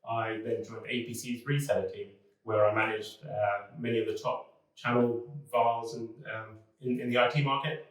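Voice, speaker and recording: A man, a business development manager, speaking in a relaxed, conversational way in a corporate talking-head video. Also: lowish voice, moderate pace. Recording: very echoey room, mic far off.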